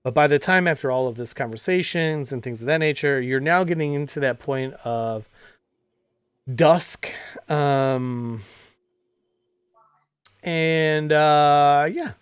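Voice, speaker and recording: A man's voice: a little high, takes it slowly, pauses often, clean tone, dry recording. A man narrating as dungeon master of a tabletop game, rambling with restarts and fillers.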